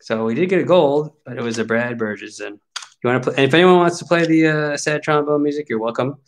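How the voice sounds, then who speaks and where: A man's voice: a little high, fairly quick. A man in his forties hosting a card break, opening packs and chatting wryly as he grumbles jokingly about what he pulls. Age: 40s. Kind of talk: casual card-opening commentary.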